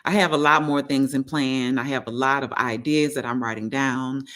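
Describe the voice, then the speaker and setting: This voice belongs to a holistic health coach who hosts a relaxed live stream. The talk is earnest and encouraging, full of "you know" fillers, and key phrases get repeated for emphasis. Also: medium pitch, normal speed.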